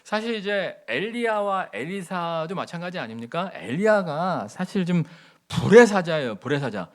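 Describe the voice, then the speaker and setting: A middle-aged male pastor giving a sermon in a storytelling way. His voice sits a little high and jumps around a lot as he acts out the people in his stories. He mixes light humor into his preaching. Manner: animated storytelling, acting out biblical quotes, folksy humor.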